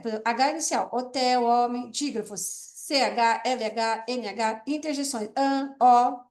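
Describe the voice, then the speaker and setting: A woman lecturing as a teacher, her voice high and bright above the usual. She explains step by step, often pausing to check that her listeners follow. The sound is roomy, with a clear echo around her. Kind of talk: online class lecture.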